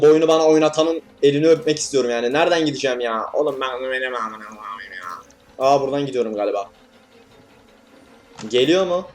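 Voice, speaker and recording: A young man commentating a horror game as he plays, swearing and yelping at scares, then laughing them off. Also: mid-range voice. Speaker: gaming YouTuber.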